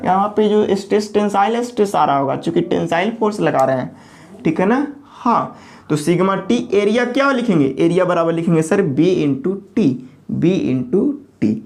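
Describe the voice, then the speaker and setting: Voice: mid-range voice, a little mellow. An engineering lecturer who asks questions, answers them, and repeats key terms while checking in with the listener. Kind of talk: classroom lecture.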